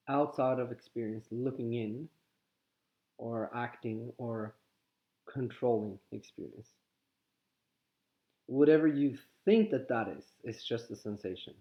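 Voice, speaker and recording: A man with a Swedish accent, whose first language is Swedish, calmly guiding listeners through a contemplative teaching, often pausing and restarting his sentences. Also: medium pitch. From Sweden. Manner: calm, halting, with frequent restarts. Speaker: spiritual teacher. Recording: slightly dull lo-fi audio.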